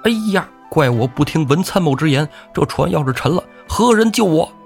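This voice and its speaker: A man voicing a cowardly grand marshal who cries out in shrill panic for rescue. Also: animated, brisk, creaky, soft background music. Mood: panicked.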